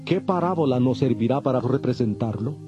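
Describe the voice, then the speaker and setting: A man playing Jesus as a calm, authoritative teacher, speaking in measured, solemn phrases for a dramatized audio Bible. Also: mid-range voice, close to an everyday voice. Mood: solemn teaching. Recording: dull, band-limited audio with music.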